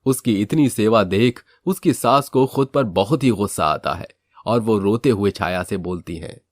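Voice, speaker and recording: A man with a low voice narrates a cartoon family drama in an even, scripted storytelling tone. The sound is dry and close to the mic. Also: moderate pace, no echo.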